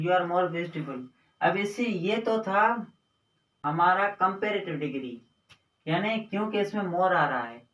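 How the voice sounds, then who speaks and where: A male teacher with a high voice explains grammar slowly and patiently, stretching out words and repeating points. He sounds set back from the mic, and the room gives his voice a roomy echo. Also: a bit bright, lo-fi sound. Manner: slow, repetitive explaining with drawn-out words. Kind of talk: Hindi grammar lesson on English adjectives. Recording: echoey room, voice from a distance.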